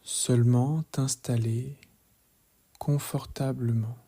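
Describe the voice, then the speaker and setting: A man leading a guided relaxation meditation in a calm, measured voice, soft and hushed, often slipping into a whisper. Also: medium pitch. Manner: calm, measured, gently instructive.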